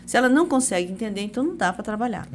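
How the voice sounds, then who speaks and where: A woman from Brazil hosting a podcast interview, talking in a soft, drawn-out way. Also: medium pitch, lively intonation, slight background noise. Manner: soft-spoken, drawn-out phrasing. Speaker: podcast host. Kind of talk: casual interview chat.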